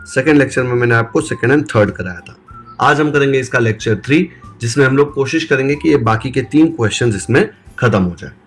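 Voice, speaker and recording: A man's voice: mid-range voice, a bit bright. A man teaching math, explaining step by step and asking himself questions, mixing Hindi with English terms. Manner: explains step by step, asks and answers his own questions. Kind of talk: classroom-style video lecture.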